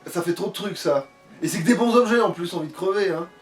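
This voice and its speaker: A woman's voice: lowish voice, fast talker. A woman casually commenting on a video game, grumbling, muttering and swearing. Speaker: gamer doing a let's play. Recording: roomy, distant mic, game music behind.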